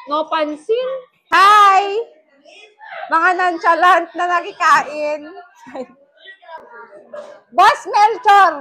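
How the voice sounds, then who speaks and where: High-pitched, bright-voiced woman vlogger. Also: extremely slow, pauses often. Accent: Ilocano. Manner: playful, teasing, talks to camera and to small children. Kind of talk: casual vlog chat mixing languages.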